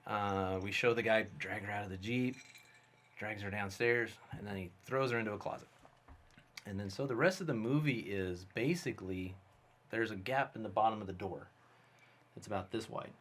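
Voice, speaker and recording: Brief: lower-voiced male guest, lively casual storyteller. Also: normal speed. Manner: animated, vivid storyteller. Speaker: guest, special effects artist and filmmaker.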